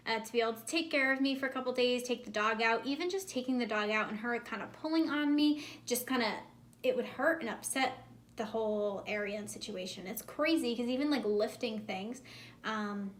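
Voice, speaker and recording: Talking casually to camera, the young adult American host of a pregnancy-prep vlog offers advice, repeating points for emphasis. Her speech is slightly hampered by a swollen mouth; her voice is a little high and fairly bright, at a moderate pace.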